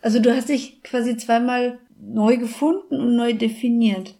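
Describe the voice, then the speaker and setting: A woman's voice: a little high, steady tone, normal speed, creaky, mellow. A woman co-hosting a podcast, curiously questioning her partner in casual chat. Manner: curious, prompting questions with frequent "oh". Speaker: podcast co-host.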